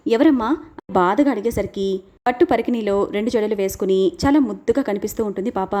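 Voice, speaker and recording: Woman reading out a family story real quick, warm mellow voice. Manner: quick, emotional storytelling, raising her pitch for quoted lines.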